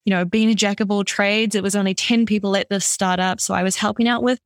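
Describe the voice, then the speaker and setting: A woman's voice: medium pitch, steady tone, quick pace, no room sound. An upbeat young woman with a New Zealand accent talks freely as a podcast guest, peppering her speech with easy fillers. Her voice sits in a middle register. The recording is dry and close. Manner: upbeat, chatty, lots of "like" fillers. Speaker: guest product designer. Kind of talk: conversational interview.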